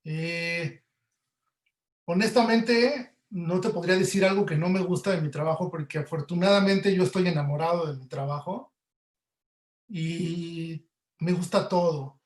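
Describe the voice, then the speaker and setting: A guest audio producer with a Mexican Spanish accent answers interview questions casually, explaining things through everyday examples. His voice is on the high side and his pace measured, captured in roomy, echoey webinar audio.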